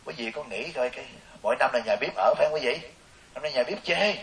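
A man of medium pitch talks fast in this dharma talk for laypeople. He's a Buddhist monk who jokes and spins stories in a lively way, quoting voices along the way. The sound is hissy and distant.

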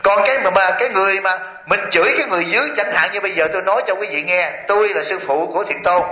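A Buddhist monk preaches to a gathered lay audience in a temple hall. His voice sits fairly high and sounds bright and forceful, and the hall adds a roomy echo. He chuckles as he tells his stories and keeps turning to his listeners with questions. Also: very fast. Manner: lively, keeps quizzing the audience with rhetorical questions; chuckles often while storytelling. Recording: echoey hall.

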